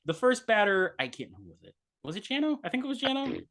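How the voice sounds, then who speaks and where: A man co-hosting a sports podcast, chatting excitably and jumping from thought to thought. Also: high voice, quick pace. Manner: excitable, jumps between thoughts. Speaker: podcast co-host. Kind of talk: casual sports chat.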